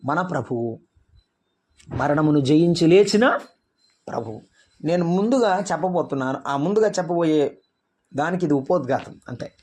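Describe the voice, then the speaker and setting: A man's voice: high voice, a little mellow, slightly rough. A man preaching a sermon as pastor, firing rhetorical questions at the congregation.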